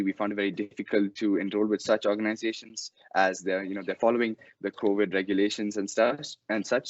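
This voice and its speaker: A man's voice: on the low side, dry recording. A teenage boy from Dubai, a student guest, speaking politely with many "you know"s. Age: teens. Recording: dry lo-fi call audio.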